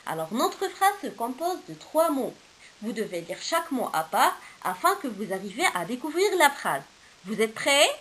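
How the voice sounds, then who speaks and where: A woman's voice: fairly high pitch, big pitch swings, moderate pace, fairly bright tone, a little hiss or hum, poor audio. A woman teaching a kindergarten reading lesson, patiently sounding out letters and syllables one by one and praising the children.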